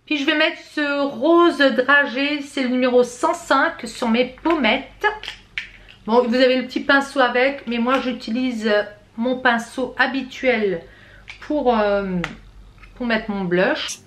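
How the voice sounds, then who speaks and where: A middle-aged French beauty vlogger chats her way through a makeup tutorial, talking right to her viewers and correcting herself often. Her high-pitched voice is slow and a bit bright, with a little hiss or hum in the background.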